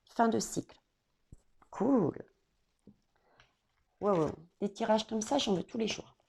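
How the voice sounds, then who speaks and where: A woman giving an oracle card reading, talking straight to the viewer and pausing often on fillers. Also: medium pitch, creaky, darkish tone, a little hiss or hum. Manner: hesitant, many fillers and restarts, addresses viewers directly. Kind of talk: casual spoken card reading.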